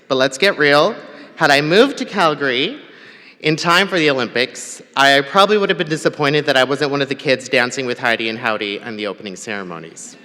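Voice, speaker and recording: Man from Tanzania, convocation speaker, candid and funny, slightly high, ringing hall. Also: pushed and bright. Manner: candid and personal, with light humor. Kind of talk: prepared ceremony speech. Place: large hall. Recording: long hall reverb.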